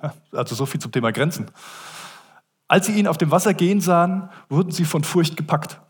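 A man's voice: on the high side, animated, a little fast, slightly rough. A man preaching a sermon as a pastor, speaking earnestly and addressing listeners directly.

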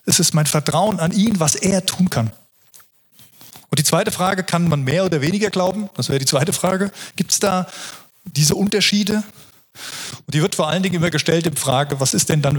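A male preacher delivering a sermon in an earnest, reflective tone. His voice is slightly husky and sits a little high. He often breaks off and restarts his sentences.

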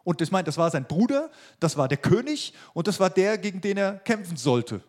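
A man's voice: high-pitched, big pitch swings, normal speed. A man preaching a sermon as pastor, emphatic and repeating his key phrases.

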